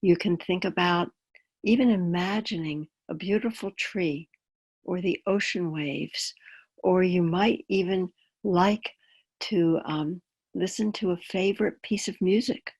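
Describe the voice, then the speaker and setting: A woman guides listeners through a calm grounding exercise. Her voice sits a little low and has a noticeably husky, breath-worn texture. She instructs gently and plainly, explaining as she goes. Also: measured pace.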